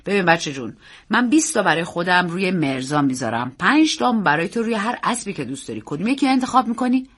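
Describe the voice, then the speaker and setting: A woman's voice: fairly low pitch, sing-song, fairly bright tone. A woman doing a teasing, indulgent uncle. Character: jovial grown uncle, amused then wary.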